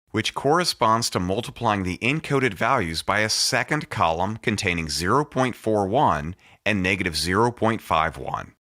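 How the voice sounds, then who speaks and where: Playful lively man explaining math. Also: lowish voice, dry recording, studio quality. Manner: playful, with sound-effect interjections. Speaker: teacher. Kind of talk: scripted explainer narration.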